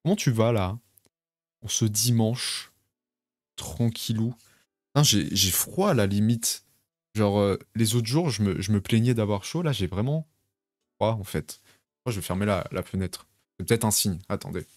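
A man's voice: fairly low pitch, moderate pace, long pauses, no room sound, studio quality. A young man casually chatting with his viewers during a home live stream, rambling and reading out chat messages. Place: home bedroom.

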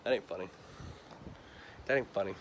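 Speaking at a normal speed, a man runs a relaxed charity livestream from an outdoor animal shelter, responding to viewer comments he reads aloud. He talks to the dogs in a soothing, high baby voice, and the low-quality recording carries wind and barking noise.

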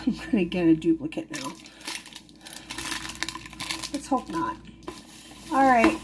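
A woman with a lowish voice and big pitch swings speaks slowly while unboxing toys at a wooden table indoors, giggly and easily delighted. The toy unboxing vlogger is filmed hands-only by an overhead camera, with background noise present.

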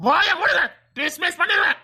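A performer with a Tirunelveli Tamil accent acts a furious father in a family drama, scolding, shouting and threatening over a missing daughter. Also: mid-range voice, very animated, brisk, background noise, lightly acted. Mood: angry. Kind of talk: village family drama acting.

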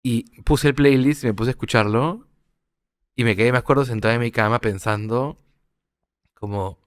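A young man, a podcast guest telling a personal story in a halting, reflective way, often repeating words. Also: mid-range voice, smooth.

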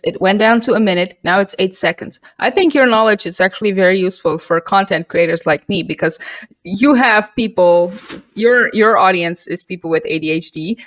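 A woman's voice: medium pitch, low-quality recording. A young woman hosting a podcast interview, chatty and asking probing questions, speaking into a studio mic in a home studio. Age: young adult. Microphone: headset and studio mic.

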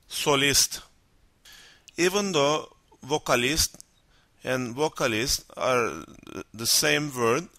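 Slow bright-voiced Turkish-accented male teacher. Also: mid-range voice, dry recording. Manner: slow and deliberate, reading word lists one by one. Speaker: language teacher. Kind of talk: reading out a vocabulary lesson.

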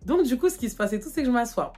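A young woman from France, telling a casual storytime to her vlog audience in animated, slangy talk full of fillers. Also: fairly high pitch, rapid-fire, slightly rough, faint music behind. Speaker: vlogger. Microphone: phone.

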